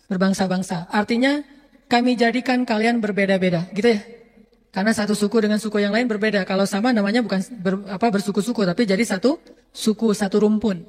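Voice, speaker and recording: A male Islamic preacher giving a relaxed, humorous sermon, acting out everyday examples. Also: high voice. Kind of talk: casual conversational sermon. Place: lecture hall or mosque hall. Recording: long hall reverb.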